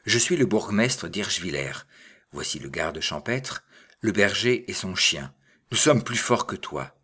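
A man reading aloud and voicing a blustering village mayor who speaks gruffly and gives orders. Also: sits low, lively intonation, measured pace, sharp tone, heavily acted. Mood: stern. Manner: gruff, commanding. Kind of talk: audiobook reading.

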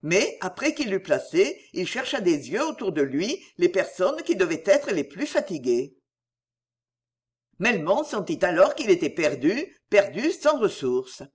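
A narrator reads a classic novel aloud with a lively, expressive intonation. The voice is somewhat husky. The pace is steady, and the rise and fall of each sentence is strongly marked. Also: medium pitch, unhurried. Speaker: audiobook narrator.

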